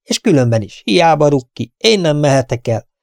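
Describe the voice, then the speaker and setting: Man doing a cheeky little valet, high voice. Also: sing-song, gravelly, no echo, clean studio sound. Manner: impudent, mocking. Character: cheeky tiny red-haired male valet.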